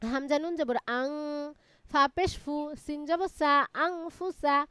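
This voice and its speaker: A woman's voice: high-pitched, a little slow, a bit bright, no echo. A woman teaching Quran reading in a live online class, chanting Arabic letters syllable by syllable and explaining recitation rules. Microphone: online class call.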